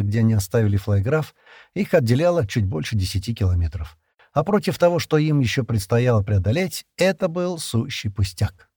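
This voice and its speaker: A man narrating an audiobook chapter in a measured storytelling manner. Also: medium pitch, mellow, dry recording, clean studio sound. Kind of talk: scripted narration.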